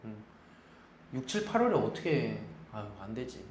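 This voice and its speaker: A man's voice: mid-range voice, big pitch swings, normal speed, a little mellow, roomy sound, a little hiss or hum. A man chatting casually as a running coach, explaining things emphatically. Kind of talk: casual chat about running training.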